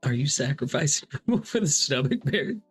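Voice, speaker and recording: Needling podcast host, slightly high voice. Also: male voice, very animated, fairly quick, breathy edge, soft background music. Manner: mock-accusing, needling questions. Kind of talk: casual chat, playful heckling.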